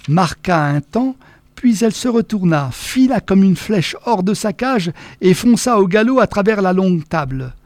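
A man giving a measured, expressive first-person reading of a novel as an audiobook narrator. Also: high voice, dry recording.

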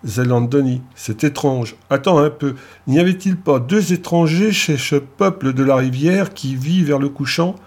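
A man's voice: on the high side, normal speed, few pauses, darkish tone, husky. A man voicing a giant, jovial male clan chief who talks bluntly and heartily in an audiobook story.

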